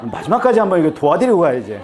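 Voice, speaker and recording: Lively, joking man lecturing parents. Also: high voice, racing, a crowd in the background. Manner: joking, chatty, keeps asking the audience to agree. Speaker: admissions consultant giving a talk to parents. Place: seminar room with an audience.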